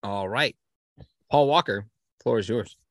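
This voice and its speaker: A man's voice: lowish voice, unhurried, no echo, studio quality. A man moderating a mock-formal comedy podcast debate in a wry, mock-formal way.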